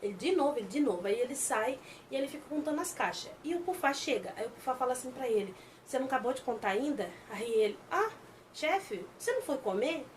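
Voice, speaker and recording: A woman with a Brazilian accent casually retelling a drama episode, acting out the characters' lines in quick changing voices. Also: sits high, animated, slight background noise. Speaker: drama recap vlogger.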